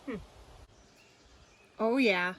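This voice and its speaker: A woman's voice: a little high, drawn-out words, fairly bright tone, a little hiss or hum, poor audio. A woman hosting a children's lesson, talking playfully and directly to the kids watching. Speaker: children's educator and show host.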